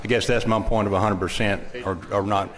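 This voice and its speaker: A man with a Southern US accent questioning a bill as a state senator, in halting, folksy phrases. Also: lowish voice, fairly even intonation, a bit bright. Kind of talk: informal legislative debate. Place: large legislative chamber. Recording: long echoing hall reverb.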